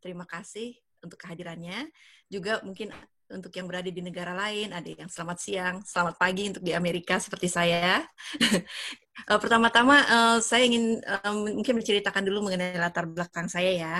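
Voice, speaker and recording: A woman's voice: lowish voice, steady tone, a little fast, bright, forceful tone, dry recording. A woman in her fifties from Indonesia, hosting an online business presentation over a video call and speaking with frequent fillers. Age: 50s. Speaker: event host and emcee.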